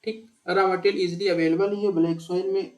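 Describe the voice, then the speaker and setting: A man with a high voice walks students through an exam-prep lesson. He asks his own questions and answers them in a chatty, conversational way. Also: level tone, brisk. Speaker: teacher. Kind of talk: explanatory exam-prep lecture.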